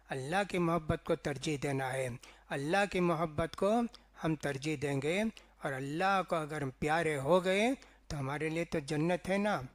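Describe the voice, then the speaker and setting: A man preaching a mosque sermon. He talks in an easy, conversational way, dropping "ji" and "na" between phrases. He brings his stories to life by voicing the people in them. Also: on the high side. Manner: conversational storytelling, frequent "ji" and "na" tags; acts out quoted speech in dialogue. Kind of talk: Ramadan sermon.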